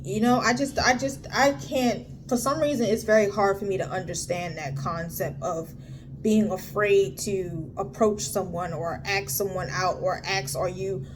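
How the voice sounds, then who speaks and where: A woman in her late thirties giving a casual tarot reading, blunt and profane, her voice climbing high when she makes a point. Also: fairly even intonation, unhurried, background noise. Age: 30s. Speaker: tarot reader.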